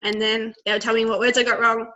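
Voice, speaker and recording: A woman's voice: on the high side, little pitch movement, quick pace, sharp tone. A woman chatting on a team video call, telling a run-on story with one thing after another. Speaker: team member sharing on a call. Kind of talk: casual chat. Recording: dull video call audio.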